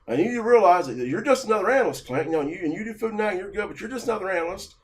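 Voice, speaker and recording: A man's voice: sits high, lively intonation, very fast, far from the mic, pitched above the performer's own voice. A man voicing his angry male senior manager, stammering and exasperated while scolding.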